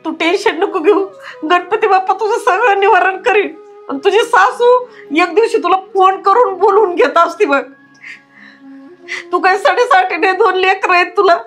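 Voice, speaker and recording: A woman's voice: very high-pitched, normal speed, a bit bright, faint music behind. A middle-aged woman, playing a mother who consoles her daughter in a village comedy sketch. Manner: consoling, emotional, rustic dialect.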